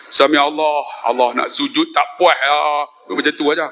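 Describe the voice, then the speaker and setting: Malaysian male religious speaker, animated, high bright tone. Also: moderate pace. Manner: animated, acts out dialogue, laughs often. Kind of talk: humorous forum storytelling. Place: mosque forum before an audience.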